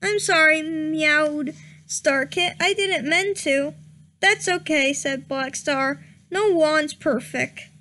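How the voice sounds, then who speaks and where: A young woman with a high, pushed, bright voice gives a comedic dramatic reading of badly written fan fiction. She trips over the misspellings and keeps bursting into laughter.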